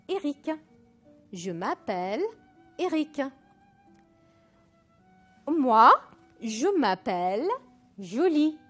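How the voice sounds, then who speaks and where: Slow, lively woman teaching French. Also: a little high. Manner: slow, deliberate model phrases for repetition, mixing in Arabic. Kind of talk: recorded language lesson.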